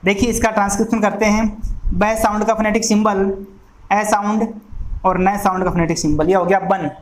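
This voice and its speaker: A woman teaching an exam-prep phonetics lesson, going through each sound slowly and deliberately. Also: medium pitch, fairly even intonation. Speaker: English teacher. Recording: echoey room with faint noise.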